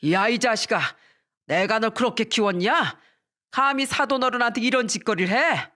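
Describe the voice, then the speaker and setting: A woman's voice: on the high side, moderate pace, sharp tone. A woman voicing a stern, burly older father who roars at and scolds his son in a storytelling radio drama. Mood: enraged. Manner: roaring, scolding.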